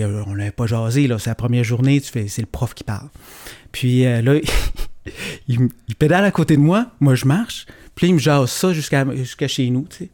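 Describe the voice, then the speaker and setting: A middle-aged man with a Québécois French accent, a schoolteacher guest in a casual conversation, telling lively stories and often chuckling. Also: medium pitch.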